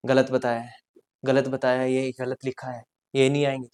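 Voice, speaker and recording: A male teacher giving an exam-prep grammar lesson in a chatty, joking way. He fires off rhetorical questions and swings between loud coaxing and soft asides. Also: medium pitch, monotone, moderate pace, clear, resonant tone.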